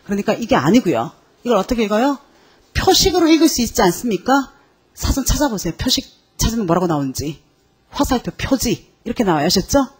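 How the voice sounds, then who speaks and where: A woman's voice: a little high, fairly quick, husky. A woman teaching an exam-prep lecture on Chinese characters, quizzing her students and checking in with them again and again. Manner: lively, quizzing students with constant check-ins.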